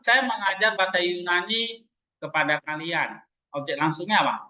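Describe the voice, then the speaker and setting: A man's voice: high-pitched, moderate pace, sharp tone. A man teaching a grammar lesson, quizzing his class with frequent "eh" fillers. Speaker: Greek language teacher. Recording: roomy, dull classroom recording.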